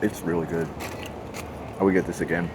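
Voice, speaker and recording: A man's voice: low-pitched, brisk. A man hosting a vlog, chatting casually as he tastes food and walks through a busy farmers market. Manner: chatty, relaxed, tasting and commenting on food. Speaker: vlog host. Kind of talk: casual walking tour chat. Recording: noisy market ambience.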